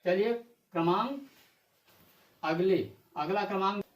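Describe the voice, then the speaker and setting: A patient teacher explaining step by step, repeating each rule and asking the listener questions before answering them. The voice sits at a medium pitch. It rings in an echoey, roomy space. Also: slow pace, dull audio. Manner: repeats rules and asks rhetorical questions to the viewer. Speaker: English teacher. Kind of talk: classroom-style video lesson. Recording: echoey room.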